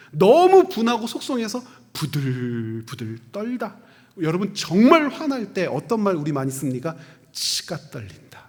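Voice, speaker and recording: Lively, high-voiced male pastor preaching. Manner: asks the congregation questions and answers them himself; swings between loud emphatic peaks and hushed, near-whispered lines. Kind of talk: sermon. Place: church sanctuary. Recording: long church reverb.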